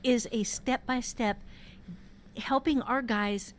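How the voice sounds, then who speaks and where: Her voice is on the high side, with fairly even intonation and a slow pace, and the recording carries a little hiss or hum. She's a podcast host teaching a workshop, talking casually and openly, swearing freely and telling personal stories emphatically.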